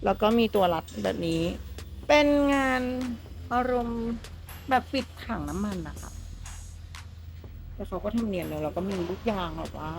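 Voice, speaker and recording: A woman's voice: mid-range voice, lively intonation, moderate pace, vocal fry, long pauses. Woman, chatty, enthusiastic, polite sentence endings, walkaround showcase, faint music behind. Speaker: presenter for a truck body workshop channel. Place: outdoors at a truck workshop.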